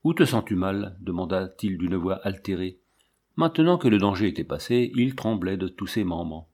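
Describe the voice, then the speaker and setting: A man reading a novel aloud with measured, steady storytelling delivery. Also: low-pitched, slightly rough. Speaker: audiobook reader. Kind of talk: scripted narration of a novel.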